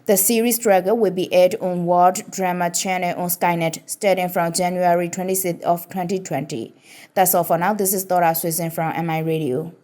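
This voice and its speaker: A woman's voice: on the low side, steady tone, moderate pace, warm tone. A woman delivering a scripted radio news report.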